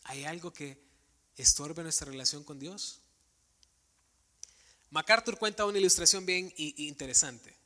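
A man preaches a sermon to a live congregation in a church sanctuary, speaking earnestly and asking questions as he addresses listeners directly. His voice is on the high side and sharp, a little slow, with long pauses. The recording carries long hall reverb.

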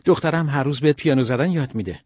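A man voicing a friendly, gently teasing young man in an audiobook. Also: mid-range voice, slightly rough, no echo, clean studio sound, natural voice.

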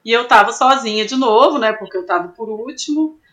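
A young woman from Brazil telling an animated story in a casual interview, laughing often and acting out what people said. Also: a little high, brisk. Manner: animated, laughs often, acts out quoted voices. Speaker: climber guest.

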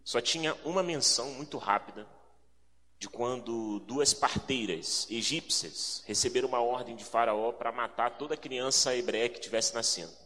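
Bright and forceful at a moderate pace, a mid-range male voice with a carioca Brazilian Portuguese accent preaches to a congregation. He's a guest from Rio de Janeiro, keeping the sermon informal and reflective, leaning on repeated phrases and weaving in prayer and scripture reading. The large indoor space gives the recording a reverberant hall sound.

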